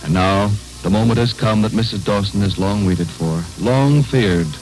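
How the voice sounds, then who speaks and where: A man giving scripted narration for an old radio serial in a measured, dramatic manner. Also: lowish voice, darkish tone, soft background music, low-quality recording.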